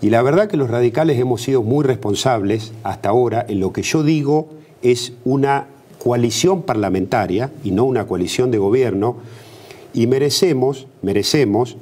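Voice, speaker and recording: A middle-aged Argentine politician is interviewed on TV, speaking Argentine Spanish in a husky, darkish mid-range voice at normal speed. He argues emphatically, using rhetorical questions and frequently restarting his sentences.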